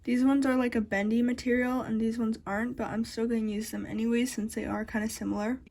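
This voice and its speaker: A woman's voice: fairly high pitch, level tone, fast talker, gravelly, darkish tone. A woman hosting a casual craft tutorial, chatting straight to her viewers, her speech slightly altered by the retainers she is wearing. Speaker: DIY craft vlogger.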